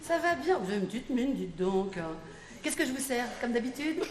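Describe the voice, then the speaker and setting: A woman's voice: on the high side, expressive, a little fast, darkish tone. A French woman performing a comic stage monologue as a gossipy, bossy café owner chatting with her customers. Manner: gossipy, bossy, talks to unseen customers in turn. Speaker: comedian performing a one-woman stage show. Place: theatre stage with audience. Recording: echoey live theatre recording.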